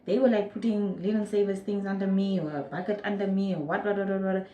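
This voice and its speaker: Namibian woman vlogging, chatty and animated, acts bits out, roomy sound. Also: medium pitch, fast talker, lo-fi sound, a little hiss or hum. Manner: animated, acts out moments with quoted voices and sound effects. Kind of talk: casual storytelling to camera.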